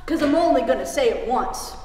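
A woman playing a rowdy, hot-tempered male deputy marshal in a live stage play, telling a crude tale in a slow drawl. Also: high voice, lively intonation, dark tone, faint music behind. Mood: storytelling. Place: theater stage. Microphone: distant stage mic. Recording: echoey theater hall from far off.

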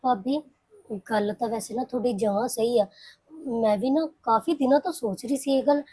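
An actress playing a supportive young woman, husky, high-pitched, soothing. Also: normal speed, warm tone, poor audio. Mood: reassuring. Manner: soothing, reassuring. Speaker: young sister-in-law. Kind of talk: Punjabi web-series acting.

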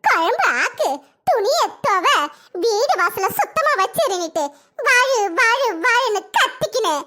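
A woman's voice: very high-pitched, sing-song, measured pace, pushed and bright, exaggerated voice. A woman voicing a gossipy neighbor who mocks and complains about her own mother-in-law in a cartoon comedy. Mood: complaining. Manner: mocking, complaining.

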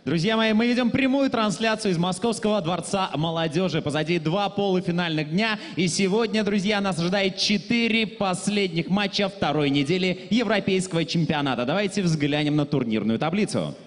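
A man's voice: high voice, animated, brisk, hardly any pauses, big-room sound. A young man hosting a live event from the stage, announcing to a crowd on a handheld microphone. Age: young adult. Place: on stage in large indoor hall.

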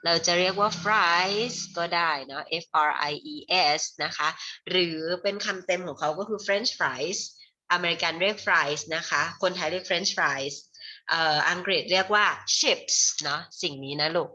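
A Thai-accented woman leads an English lesson for kids at a very slow, deliberate pace. Her voice is bright and forceful, sitting a little low in pitch. The recording sounds somewhat dull and lo-fi. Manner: switches between Thai and slow, clearly spelled-out English, calls viewers "child". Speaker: English teacher. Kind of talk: online English lesson for children.

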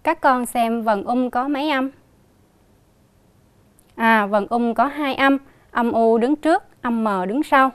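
A female primary school teacher with a Southern Vietnamese accent, leading a slow reading lesson for young children and spelling out sounds with emphatic repetition. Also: on the high side, clear, resonant tone, dry recording. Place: recorded for a TV lesson.

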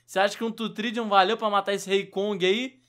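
A young man with a Brazilian Portuguese accent, hosting a Minecraft let's-play and shouting frantically through the fights. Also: high-pitched, level tone, a little fast. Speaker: gaming YouTuber host.

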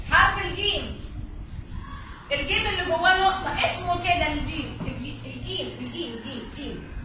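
High-voiced Egyptian woman teaching, echoey room. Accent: Egyptian Arabic. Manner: patient, repeats and checks understanding. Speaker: Arabic reading teacher. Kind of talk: online lesson for children. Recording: very echoey room, distant mic, noisy.

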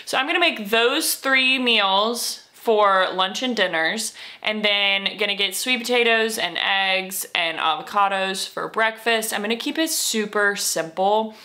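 Bright-voiced chatty American woman. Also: medium pitch, unhurried, hardly any pauses. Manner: chatty, upbeat, lots of fillers. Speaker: vlogger. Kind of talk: casual vlog talk to camera. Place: small apartment, indoors. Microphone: camera or phone mic at close range.

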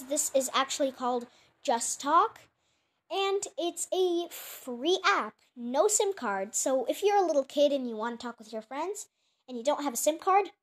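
A female creator chatting casually while reacting to her own old clips, chatty and self-mocking. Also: sits high. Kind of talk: casual chat.

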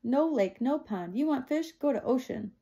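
A woman's voice: high-pitched, animated, normal speed, vocal fry, mellow, lo-fi sound, voice pushed up. A woman reading aloud, voicing a bossy, spirited young girl who teases and talks in short, clipped phrases. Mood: taunting. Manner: teasing, clipped simple phrasing.

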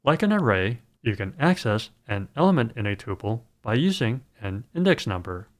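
A man narrating a scripted programming screencast in a calm, measured way. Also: mid-range voice.

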